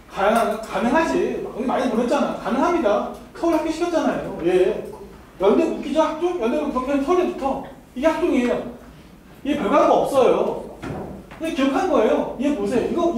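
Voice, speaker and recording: High-voiced man lecturing in an echoey hall. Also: a little mellow. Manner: teasing, talks straight to students with frequent laughter. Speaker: academy admissions lecturer. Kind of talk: university admissions seminar talk. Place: seminar hall. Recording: very echoey hall, mic far off, faint noise.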